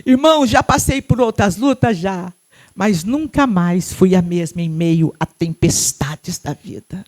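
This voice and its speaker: A middle-aged Brazilian woman pastor preaching with fervor from a church pulpit. Her delivery surges into loud, impassioned cries, then drops to hushed, tender tones. She sometimes breaks into speaking in tongues. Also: on the low side, lively intonation, unhurried. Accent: Brazilian Portuguese. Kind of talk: fervent Pentecostal sermon. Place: church sanctuary.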